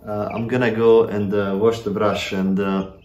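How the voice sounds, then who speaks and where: A man in his thirties, a homesteading vlogger, works in a stone shed while chatting to the handheld phone camera he holds at arm's length, casual, self-deprecating and filler-heavy. His voice runs on the low side, flat and a little mellow at a moderate pace, with echo and faint background noise.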